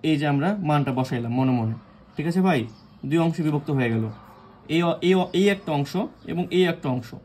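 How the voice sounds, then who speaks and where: A man's voice: a little high, animated, moderate pace, a little mellow, a little hiss or hum. Bengali-speaking man teaching, quizzing listeners. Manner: repeats points and quizzes listeners with questions; hesitant, frequent fillers and restarts. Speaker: Korean language teacher. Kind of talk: explanatory lesson.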